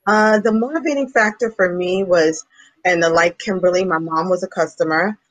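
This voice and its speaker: A woman from Brooklyn, telling stories as a panelist in a lively, conversational way. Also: on the low side, moderate pace, dry recording, low-quality recording. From New York City (Brooklyn). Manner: lively storyteller, animated, conversational. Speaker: fashion brand panelist. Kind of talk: panel discussion.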